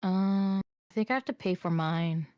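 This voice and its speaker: A woman's voice: medium pitch, steady tone, normal speed, no room sound, highs cut off. Giggly young woman, dry close mic. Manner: giggly, reads history aloud and breaks into laughter. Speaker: podcast co-host, history storyteller. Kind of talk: casual streamed podcast chat.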